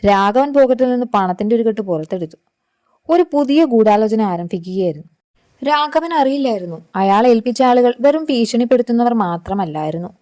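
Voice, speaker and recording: A woman narrating a scripted family drama in a steady, measured read-aloud manner. Her voice sits high with a soft, mellow tone, never sharp.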